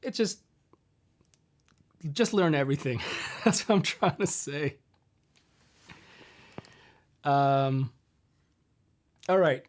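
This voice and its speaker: A man's voice: on the high side, extremely slow, pauses often. A middle-aged man hosting a live guitar Q&A stream from his home studio, chatting loosely through viewer questions with fillers and detours. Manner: relaxed, rambling, answers viewer questions with fillers. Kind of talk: casual live-stream chat.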